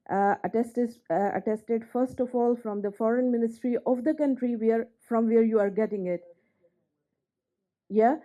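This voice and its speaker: A woman's voice: medium pitch, warm tone. Hesitant woman from Pakistan, unscripted graduate speech, muffled ceremony audio. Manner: hesitant, many fillers and restarts. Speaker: graduate giving a testimonial.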